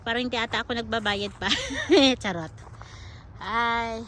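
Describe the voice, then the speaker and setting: A woman's voice: a little high, unhurried, fairly bright tone, slight background noise. A woman vlogging casually to her viewers as she walks a park trail outdoors, recorded on a handheld phone. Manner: chatty, coaxing, sing-song baby talk to a squirrel. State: out of breath on an uphill stretch. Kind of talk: casual walking vlog, talking to viewers. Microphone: handheld phone camera.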